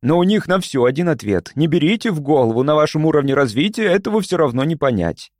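Man doing a worked-up male physicist, high and bouncy, easily indignant. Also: quick pace, no echo, studio quality. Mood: excited. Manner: excited, indignant. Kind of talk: audiobook character voice.

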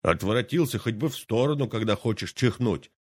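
A man voicing a gruff old village grandfather muttering to himself as he digs for treasure, in a read-aloud folk tale. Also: medium pitch, brisk, no echo, close to an everyday voice. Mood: grumbling. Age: older.

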